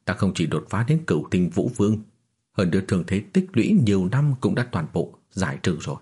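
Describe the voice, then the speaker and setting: A man voicing a bold, excitable male martial warrior who speaks bluntly and fires off questions. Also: sits low, brisk, husky, exaggerated voice. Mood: elated.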